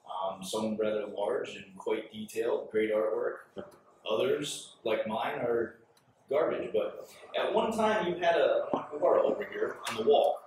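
A man's voice: on the low side, a little slow, background noise. Podcast host man, very echoey and distant. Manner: animated storyteller, gestures a lot. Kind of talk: conversational interview. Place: small bar with signed walls, indoors. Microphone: far camera in the room. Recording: very echoey room from far off.

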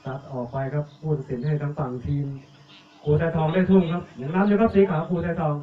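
A man's voice: on the high side, fast talker. Tinny-sounding man commentating football. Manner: rattling off player numbers and names, rising excitedly on attacks. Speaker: match commentator. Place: outdoor village football match. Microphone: cheap tablet recording. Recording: echoey, tinny, phone-like audio.

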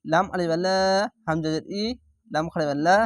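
A man teaching Quran reading, spelling out each letter and syllable and then drawing the joined word out slowly. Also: on the high side, flat delivery, no room sound, studio quality. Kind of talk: spelling-out Quran recitation lesson.

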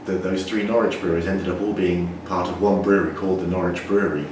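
A man in his forties, a brewer, explaining things in a measured way with frequent restarts during an interview in a brewery. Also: sits low, steady tone. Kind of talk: interview answers. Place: indoor brewery floor. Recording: echoey, distant, noisy brewery room.

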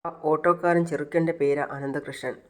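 A man's voice: on the high side, flat delivery, a little fast, lightly acted. Man doing an angry scolding father. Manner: scolding, shouting at his family. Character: angry stern father of a grown daughter.

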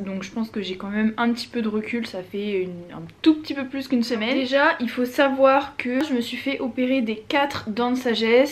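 A young woman with a slightly raised pitch chats to her camera at home. She speaks informally and frankly, in a self-deprecating vlog style. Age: young adult. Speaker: vlogger. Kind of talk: casual chat to camera. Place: small room at home, indoors.

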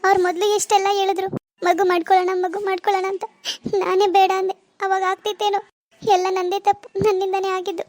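A woman's voice: extremely high pitch, little pitch movement, fast talker, a little mellow, no room sound, pitched above the performer's own voice. A woman voicing a tearful, desperate young wife in a cartoon, pleading and despairing.

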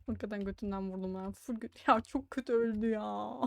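A woman's voice: mid-range voice, steady tone, brisk, gravelly, a little mellow, dry recording, studio quality. A woman giving casual let's-play commentary, swearing, joking and reading game dialogue aloud. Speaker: gaming YouTuber.

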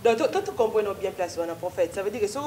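A woman's voice: medium pitch, animated, fast, warm tone. Congolese woman interviewer asking questions. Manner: brief affirmations and questions. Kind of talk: studio interview. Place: TV studio with stone wall backdrop.

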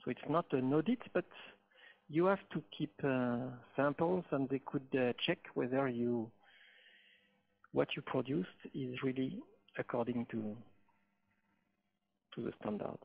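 Gravelly man on a tinny call line. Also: mid-range voice. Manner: halting, many pauses and fillers. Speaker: webinar panelist, seed treatment expert. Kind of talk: webinar Q&A answer.

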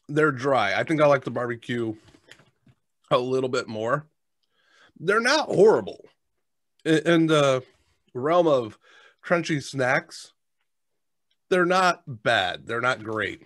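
A man's voice: mid-range voice, a bit bright, dry recording, clean studio sound. An American man in his thirties chatting casually and matter-of-factly as he hosts a snack review. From United States. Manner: matter-of-fact, eats crunchy snacks while reviewing. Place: indoors, at a desk on a video call. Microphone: headset.

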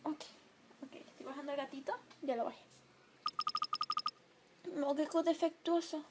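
A young woman commenting on a video game she is playing, emotional and prone to loud outbursts. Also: high voice, fairly even intonation, fast talker. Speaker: gameplay commentator. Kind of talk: let's play commentary. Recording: home mic with clear background noise.

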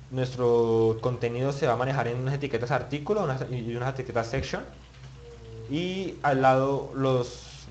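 A man's voice: medium pitch, dull audio, slight background noise. A man teaching web page building in a screen-recorded tutorial, thinking aloud and muttering as he clicks, with many restarts. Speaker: web development instructor.

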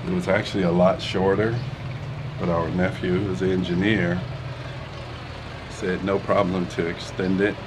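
A man's voice: deep voice, flat delivery, measured pace, noisy background. A man giving a casual walking tour of his house, chatty and rambling with fillers, filmed on a handheld phone camera. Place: inside a two-story house, partly out on a balcony. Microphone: phone camera handheld while walking.

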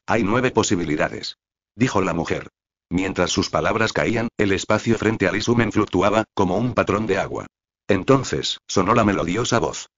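A man narrating a translated fantasy web novel in an even, steady reading voice. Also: deep voice, dull audio. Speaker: audiobook narrator.

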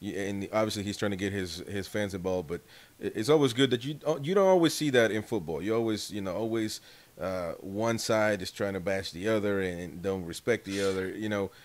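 A young man hosting a casual football watchalong, haltingly repeating words as he thinks. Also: lowish voice. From United States. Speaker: host and Newcastle fan. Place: small indoor room at home, video call.

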